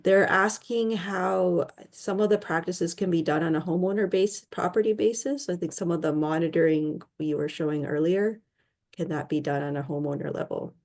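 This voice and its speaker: A woman's voice: fairly low pitch, normal speed, darkish tone. A woman moderating a conference over a video call, thanking the speaker and reading out questions.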